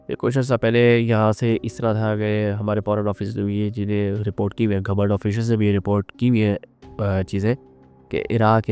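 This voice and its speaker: A man giving unscripted, earnest analytical commentary on current events, pausing and restarting as he thinks. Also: fairly low pitch, dark tone, smooth. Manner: earnest, measured, with frequent restarts and fillers.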